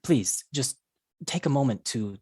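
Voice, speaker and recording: A man voicing a gentle, caring male dwarf priest with a hesitant, soothing way of talking in a tabletop game. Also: medium pitch, expressive, a little slow, breathy edge, dry recording, clean studio sound. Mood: soothing concern.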